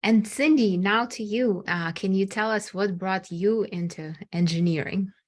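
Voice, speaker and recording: A woman's voice: mid-range voice, measured pace. A woman moderating a panel, giving brief, encouraging prompts to the guests. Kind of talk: hosting a panel interview.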